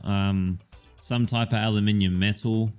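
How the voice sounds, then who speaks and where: A man's voice: fairly low pitch, fairly even intonation, a little slow, a little mellow, faint music behind. A man co-hosting a podcast in casual chat, rambling with lots of "um"s and casual swearing. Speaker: podcast co-host.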